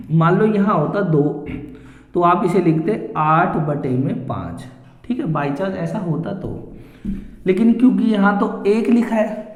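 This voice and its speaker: A man teaching maths at a board, explaining each step slowly and repeating the same phrases as he goes. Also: fairly high pitch, a little mellow. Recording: echoey room with long reverb.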